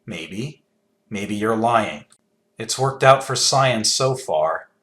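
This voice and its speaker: A man acting an intense, anxious, stubbornly logical scientist in a video game, speaking in a halting, emphatic way. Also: on the low side, animated, fairly bright tone. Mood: subdued.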